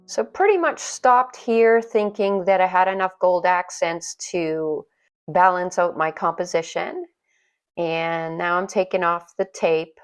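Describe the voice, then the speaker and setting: A middle-aged woman talks through a watercolor tutorial in a relaxed, chatty voice-over, sitting a little low in pitch. She pokes fun at herself as she goes. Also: measured pace, clear, resonant tone, soft background music. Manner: chatty, self-deprecating, laughs at herself. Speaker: watercolor painting instructor.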